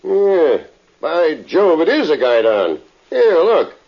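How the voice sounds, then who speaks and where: An actor playing an eager, insistent army general in a 1940s radio drama, with a husky voice. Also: male voice, on the high side, very animated, slow pace, heavily acted. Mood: curious, insistent. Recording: muffled vintage radio broadcast.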